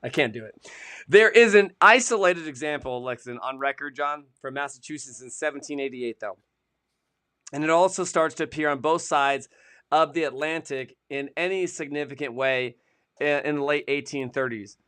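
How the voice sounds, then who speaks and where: A man's voice: a little high, normal speed, sharp tone, smooth. A man co-hosting a casual live-stream, chatting and joking as he reads idiom history from his sources. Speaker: co-host of a produce industry show.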